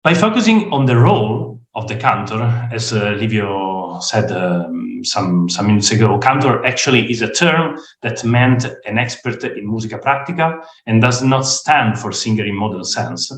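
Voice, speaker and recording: A hoarse man giving an online lecture presentation, speaking hesitantly with many fillers. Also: lowish voice, lively intonation, normal speed, few pauses. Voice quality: rough, croaky voice. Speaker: guest speaker. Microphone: video call. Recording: roomy echo.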